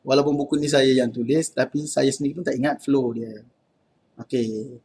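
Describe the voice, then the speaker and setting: A man's voice: medium pitch, fairly even intonation, normal speed, darkish tone, slightly rough. A man with a Malaysian accent teaching an online Arabic class in a casual, chatty way, laughing often. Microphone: computer mic on video call.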